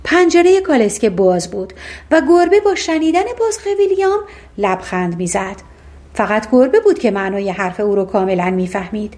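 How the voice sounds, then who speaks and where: A woman's voice: medium pitch, big pitch swings, darkish tone. A woman narrating a fairy tale audiobook, reading expressively and voicing the characters herself.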